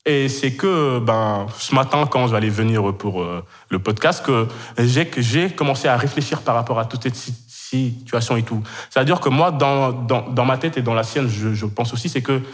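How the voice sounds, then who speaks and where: Guesting on a podcast, this twenty-something man from Senegal, who grew up in Kenya, shares a story from his life. He talks at a normal speed in a medium pitch, stumbling through fillers and repetitions and laughing a lot.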